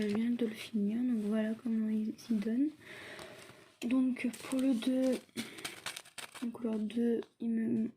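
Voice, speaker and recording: A woman giving a casual hands-on craft demo and review, talking hesitantly in halting, often unfinished phrases. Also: fairly high pitch, warm tone, a little hiss or hum, poor audio. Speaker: craft video creator.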